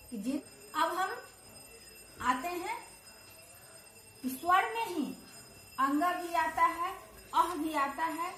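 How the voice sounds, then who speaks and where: A high-pitched woman teaching children, speaking slowly and deliberately. She repeats each key term and asks questions she answers herself. Her voice rings in an echoey room, with faint ambience behind. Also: fairly bright tone. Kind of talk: Hindi grammar lesson for children.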